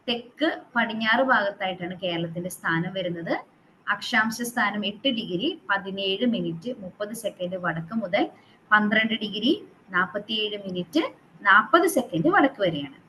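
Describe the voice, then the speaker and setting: A woman's voice: medium pitch, animated, normal speed, bright, forceful tone, a little hiss or hum, poor audio. A woman teaching a geography class who quizzes her students and repeats the figures to drill them, mixing in English terms.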